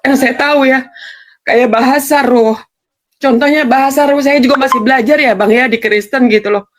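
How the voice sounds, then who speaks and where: A woman speaks in a somewhat high voice, telling her own story earnestly. She talks conversationally and keeps turning to address the interviewer. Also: fairly even intonation, normal speed. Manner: earnest storytelling, addresses host often as Bang. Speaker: guest giving testimony.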